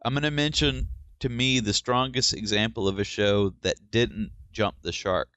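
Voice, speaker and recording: A man's voice: on the low side, steady tone, moderate pace, a bit bright, no echo, lo-fi sound. A man co-hosting a podcast, chatting casually about TV shows and explaining his opinions at length. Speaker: podcast co-host.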